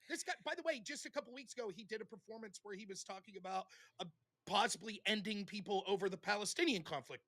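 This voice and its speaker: A man co-hosting a political stream, talking in an animated, emphatic way. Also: high-pitched. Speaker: stream co-host. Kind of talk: casual political commentary.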